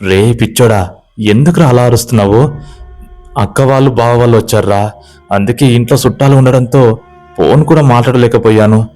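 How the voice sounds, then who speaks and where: A man's voice: medium pitch, fairly quick, pauses often, warm tone, lightly acted. A man voicing a playful young village woman in a spoken ghost story. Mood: coaxing. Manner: playful, scolding and coaxing.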